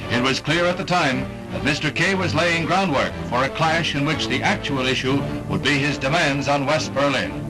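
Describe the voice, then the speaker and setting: A man narrates an old newsreel in a dramatic, emphatic voice that sits a little high. Loud orchestral music runs beneath the studio voice-over. He announces every line with urgency. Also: moderate pace, hardly any pauses, low-quality recording.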